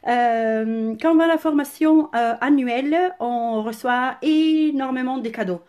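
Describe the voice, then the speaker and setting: A woman with an Italian accent chatting enthusiastically through a casual live-stream unboxing, often pausing on "euh", recorded on a phone camera indoors at home. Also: high voice, darkish tone. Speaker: crafting product demonstrator.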